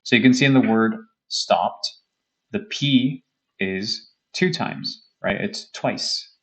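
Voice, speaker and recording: A man's voice: lowish voice, takes it slowly, fairly bright tone, poor audio. A man teaching a beginner English grammar lesson, explaining patiently and often checking in with "okay?" and "right?".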